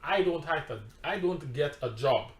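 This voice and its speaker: His voice runs on the high side with lively intonation at normal speed: a pastor with a Trinidadian accent, conversationally telling his personal testimony with emphasis and storytelling flair, occasionally repeating words. Roomy echo fills the recording.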